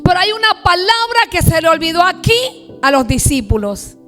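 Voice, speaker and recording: A woman's voice: very high voice, big pitch swings, moderate pace, fairly bright tone, faint music behind. A woman pastor preaching a sermon emphatically, stretching out key words and stacking phrases in lists. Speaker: pastor and prophet. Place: church.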